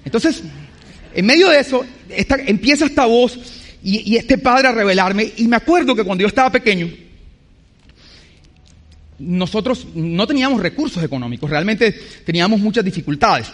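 A man's voice: high-pitched, lively intonation, normal speed, long pauses, fairly bright tone. A man preaching a sermon, emphatic, acting out what other people say.

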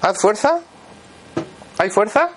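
A man's voice: high-pitched, sing-song, slow, a little hiss or hum. A man, a therapist guiding a volunteer through a live demonstration before an audience and checking in constantly as he instructs.

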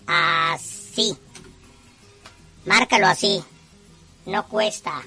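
A woman's voice: on the low side, drawn-out words, sharp tone, soft background music. A woman with a northern Mexican accent hosting a call-in show in slangy, teasing, profane casual chat.

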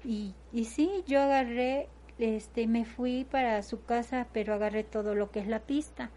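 Middle-aged woman, high mellow voice. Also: steady tone, measured pace. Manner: retells events in long chains, often repeating "agarré y". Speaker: interviewee, mother. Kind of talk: personal testimony in conversation.

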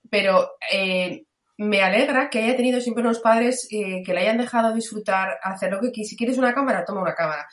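Frank woman in an echoey room. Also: medium pitch. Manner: frank, opinionated, retells scenes. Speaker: film podcast co-host. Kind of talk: casual film discussion.

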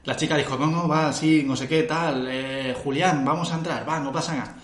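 Guy from ranting about his escape room customers, slightly high voice, echoey room. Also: fairly quick. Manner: animated storytelling, acts out customers' lines. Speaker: escape room game master. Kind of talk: casual podcast chat.

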